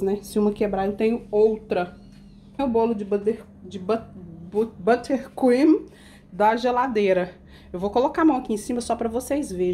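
Chatty woman in a mellow baking vlog. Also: mid-range voice, a little hiss or hum. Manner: chatty, addresses viewers as "gente". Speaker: cake decorating vlogger. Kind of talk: casual baking tutorial.

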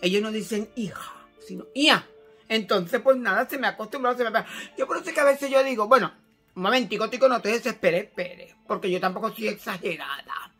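Middle-aged Venezuelan woman, host, lively chat, brilliant ringing voice, soft music under her. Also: mid-range voice, a little fast, breathy edge. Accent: Venezuelan, Caracas. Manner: animated and chatty, calls listeners "my love". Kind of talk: casual live chat. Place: indoor living room. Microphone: phone at arm's length.

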